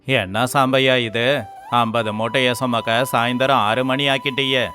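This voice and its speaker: A man voicing a harsh, stingy employer in an animated story, with a scornful, scolding delivery. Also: mid-range voice, measured pace, soft background music.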